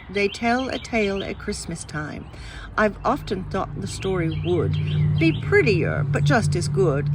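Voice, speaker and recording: A woman's voice: lowish voice, noisy background. Woman reading children's poems, sing-song. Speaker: reader.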